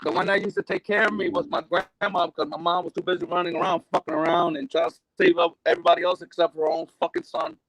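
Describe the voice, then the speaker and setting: Guest: New man, heavy vocal fry, dry close sound, rambling and profane. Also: sits high, animated, fast talker, hardly any pauses, a bit bright, no echo, rough recording. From New York. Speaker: interview guest. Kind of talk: candid life story.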